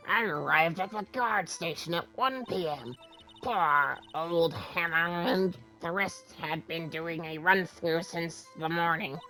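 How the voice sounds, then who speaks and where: A man's voice: a little high, bright, forceful tone, low-quality recording. A man voicing a chatty, cranky old woman security guard in a playful video game dub.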